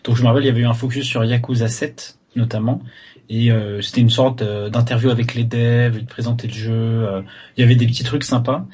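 Man, co-host, casual gaming chat, relaxed, musing, husky, dull lo-fi mic. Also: medium pitch, quick pace. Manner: relaxed, thinking aloud with fillers. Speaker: podcast co-host.

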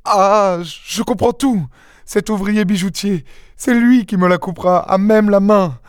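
A man's voice: sits high, big pitch swings, slow pace, darkish tone, no echo, studio quality, pitched above the performer's own voice, exaggerated voice. A man voicing a frantic, terrified young noblewoman. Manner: pleading, frantic, sobbing. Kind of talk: audiobook character reading.

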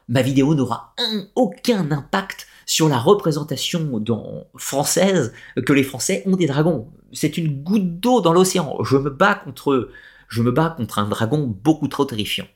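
A man's voice: fairly high pitch, expressive, moderate pace. Hesitant French-speaking man explaining on a live stream. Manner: digressive explainer with frequent hesitations. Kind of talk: live-stream talk answering chat comments.

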